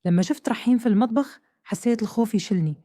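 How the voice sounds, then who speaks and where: A woman with a Hejazi Saudi accent tells a tense first-person story at a brisk pace. Her tone is dark and mellow, and the recording is dry and close, with no room around her. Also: a little high, dry recording. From Saudi Arabia. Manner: tense, questioning, dramatic. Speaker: narrator.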